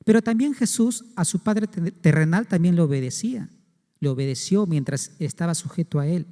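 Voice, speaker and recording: A man's voice: fairly high pitch, expressive, normal speed, dark tone, big-room sound. A man preaching a sermon as pastor, asking the congregation rhetorical questions.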